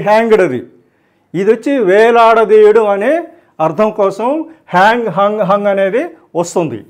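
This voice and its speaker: High-pitched guy with a telugu accent teaching grammar, chanting verb forms over and over like a drill. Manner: steady drill-like recitation, repeating each form twice.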